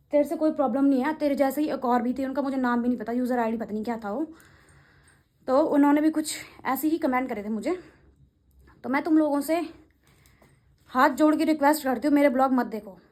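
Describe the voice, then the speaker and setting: A young adult woman vlogger talking quickly and indignantly, answering her critics directly in a casual rant. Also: high-pitched, a little mellow.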